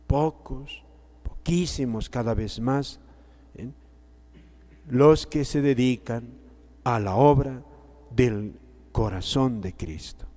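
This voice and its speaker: Slow-preaching male priest in a reverberant hall. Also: mid-range voice, dark tone. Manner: slow, emphatic preaching with repetitions and pauses. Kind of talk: sermon.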